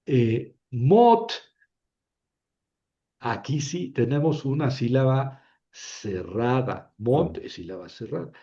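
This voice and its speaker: A man's voice: medium pitch, measured pace, mellow, lo-fi sound. A man teaching Biblical Hebrew, patiently sounding out syllables and often checking with "¿verdad?". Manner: patient, repeats syllables aloud, asks "¿verdad?". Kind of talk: slow classroom explanation.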